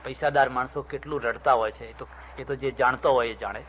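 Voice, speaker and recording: A man's voice: medium pitch, steady tone, a little fast, a bit bright, a little hiss or hum. An older man, a swami giving a storytelling sermon who acts out the dialogue of his characters. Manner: acts out dialogue in the stories, shifting voice for each character. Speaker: swami giving a religious discourse. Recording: dull lo-fi recording.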